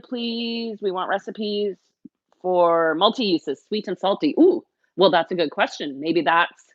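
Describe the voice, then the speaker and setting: A woman's voice: on the low side, no room sound, muffled recording. A middle-aged woman hosting a live baking lesson, chatting and cheering on viewers as she works in her kitchen. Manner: chatty and encouraging, talks to viewers directly. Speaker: baking show host.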